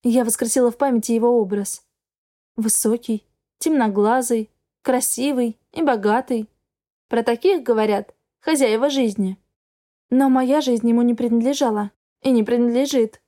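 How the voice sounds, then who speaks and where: Mellow-voiced woman narrating a story. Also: on the high side, moderate pace. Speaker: audiobook narrator. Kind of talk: first-person scripted narration.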